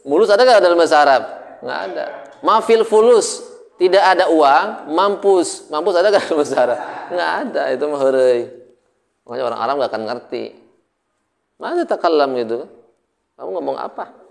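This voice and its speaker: A man with an Indonesian accent teaches Arabic grammar in a relaxed classroom style. He jokes along the way and keeps checking with his students through questions. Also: on the high side, a little fast, gravelly. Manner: jokey, asks students questions often. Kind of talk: casual classroom lesson.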